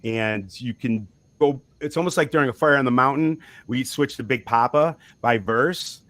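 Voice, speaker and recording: A man's voice: medium pitch, normal speed, fairly bright tone. A man being interviewed about his band, talking loosely with frequent restarts and small laughs. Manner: rambling, chuckling, frequent restarts. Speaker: musician guest. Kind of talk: casual interview talk.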